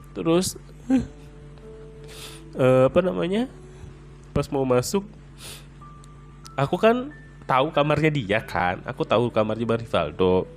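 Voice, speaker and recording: Chatty young man telling a personal story. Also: mid-range voice. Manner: chatty, rambling, many fillers.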